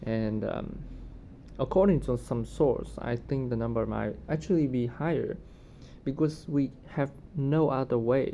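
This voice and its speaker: A man giving casual, unscripted commentary on current events, hesitant and often searching for words. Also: warm tone. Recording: noticeable low rumbling background noise.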